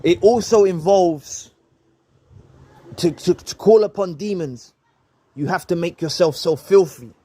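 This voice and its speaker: Guy ranting on his vlog, kinda high voice, preachy, keeps saying right?. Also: unhurried, long pauses, mellow. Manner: preachy, repeats phrases, ends points with "right?". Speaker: vlogger responding to another video. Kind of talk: heated commentary monologue.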